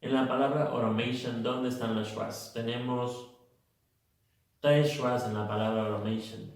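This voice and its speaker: Slow male teacher in echoey room. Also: mid-range voice, fairly even intonation. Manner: slow, methodical, drills word lists. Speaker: English teacher. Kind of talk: recorded phonics lesson. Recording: echoey room, mic far off.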